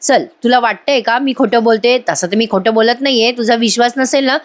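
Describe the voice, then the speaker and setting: A woman's voice: a little high, fairly quick, close to an everyday voice. A woman voicing a nosy, suspicious older aunt who scolds and insists. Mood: insistent. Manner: insistent, bossy retelling of a gossiping aunt.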